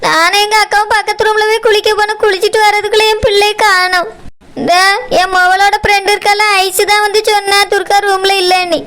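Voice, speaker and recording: In a village cartoon, a heartbroken mother played by a woman sobs and pleads in a Kanyakumari Tamil accent. Her voice sits very high, squeaky and cartoonish. Every line comes out tearful and desperate. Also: level tone, fairly quick, fairly bright tone. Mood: tearful explaining. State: crying. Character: distraught village mother of a missing bride. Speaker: cartoon character. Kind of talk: animated cartoon voice acting.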